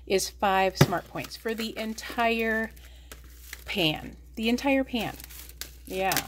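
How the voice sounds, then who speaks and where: A woman hosting a casual home cooking video, chatting while she works in her kitchen. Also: mid-range voice. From United States. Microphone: camera on a tripod. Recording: noisy home kitchen recording.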